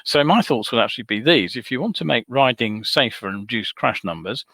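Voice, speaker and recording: A man speaks alone into a desk microphone, hosting a live webcast. His voice is bright and forceful, recorded dry and close. He talks in a measured, advisory way, pausing on ums and uhs. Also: medium pitch, lively intonation, dry recording. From United Kingdom. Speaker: host of a motorcycle safety webcast. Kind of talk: solo live webcast talk.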